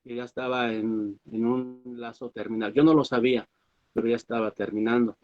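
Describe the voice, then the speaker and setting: Male pastor, mid-pitch, halting sermon storytelling, muffled lo-fi church recording. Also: steady tone. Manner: halting storytelling with many fillers and restarts. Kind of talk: sermon testimony.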